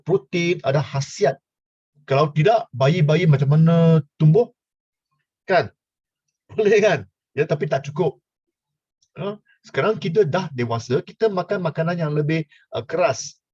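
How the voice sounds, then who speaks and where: A man's voice: fairly high pitch, darkish tone, husky, no echo. An older man preaching, stammering, full of fillers and playful asides. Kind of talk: sermon. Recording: dull lo-fi sound, dry.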